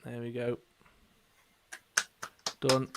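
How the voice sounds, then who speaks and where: A man's voice: medium pitch, monotone, very slow, gravelly, slight background noise. A man co-hosting a casual dice game stream, talking his team through with lots of fillers and reading out card text. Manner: chatty, many fillers, reads out card text. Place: indoors at a gaming table.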